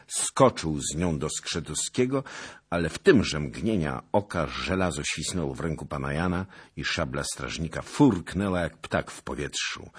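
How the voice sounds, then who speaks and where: Deep, husky male audiobook narrator. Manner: expressive, theatrical. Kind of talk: dramatic literary narration.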